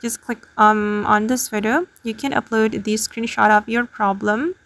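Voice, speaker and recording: In a casual spoken screen tutorial, the female host explains things to viewers one step at a time. Her voice is a little high and fairly bright, with a steady tone and a slightly slow pace.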